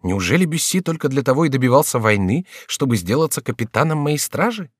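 A man's voice: mid-range voice, big pitch swings, quick pace, slightly rough, no room sound, studio quality, voice pushed up. A man reading aloud, voicing a wary, resentful young prince who answers his mother with guarded bitterness. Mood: bitter.

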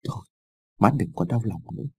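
Male narrator as a weary grown son; quiet, firm, mellow and husky. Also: lowish voice, big pitch swings, a little fast, heavily acted. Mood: weary firmness.

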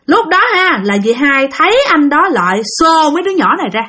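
A woman's voice: high-pitched, very animated, brisk, bright, forceful tone. A woman tells a ghost story in a chatty way, talking straight to her listeners and repeating words for effect. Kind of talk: spoken ghost-story narration.

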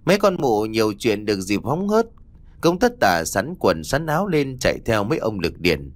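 A man's voice: on the low side, big pitch swings, moderate pace, no room sound. A man narrating a ghost story with dramatic storytelling.

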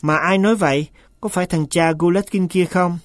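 A nervous, agitated master speaks here, as a man reads him aloud. He turns shrill and hisses when he loses his temper. The recording is dry and close, like a storybook read at the mic. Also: fairly even intonation, fairly quick, no room sound, close to an everyday voice. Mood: shrill, furious. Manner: shrill, hissing when upset.

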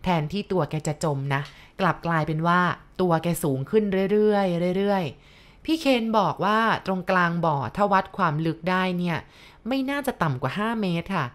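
Female storyteller, lower register, lively ghost-story narration. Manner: lively, addresses listeners.

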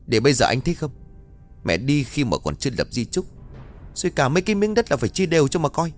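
A man's voice: a little high, animated, faint music behind, voice pushed up, lightly acted. A man voicing a greedy young wife who nags her husband in a raised, reproachful voice. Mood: scolding. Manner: nagging, reproachful, fast and raised.

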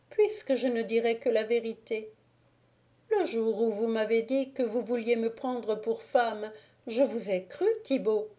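A woman voicing a gentle, innocent young peasant woman who speaks softly, in an audiobook. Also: fairly high pitch, pitched above the performer's own voice, lightly acted. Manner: soft and gentle. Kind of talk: audiobook character reading.

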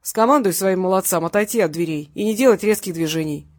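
A woman's voice: mid-range voice, fast talker, darkish tone, no room sound, studio quality, lightly acted. A woman narrator voicing a cocky hitman in a crime audiobook. He taunts his enemies in a light, good-natured tone, and every word carries a threat. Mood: taunting. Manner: genial tone over threats. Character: cocky male hitman, mocking and menacing.

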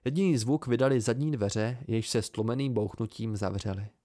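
A man calmly narrating an amateur audiobook. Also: medium pitch, no room sound, clean studio sound. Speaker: audiobook reader.

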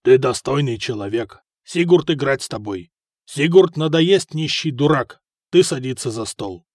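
A man voicing a loud, crude male Norse mercenary who speaks in slow, broken grammar. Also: mid-range voice, expressive, dry recording, studio quality, close to an everyday voice. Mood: booming.

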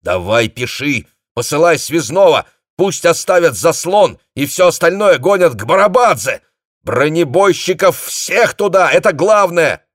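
A man voicing a battle-worn male battalion captain who shouts orders urgently. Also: mid-range voice, expressive, slow pace, slightly rough, dry recording, clean studio sound, voice pushed up, full character voice. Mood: snappish. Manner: shouting, commanding.

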